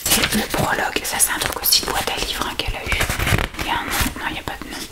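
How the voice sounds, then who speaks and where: A woman speaks in a soft, hushed library whisper, chatting casually about books and reading aloud in an unhurried ASMR style. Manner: unhurried, reads blurbs aloud between casual remarks. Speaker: ASMR host showing books. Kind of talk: whispered ASMR book chat.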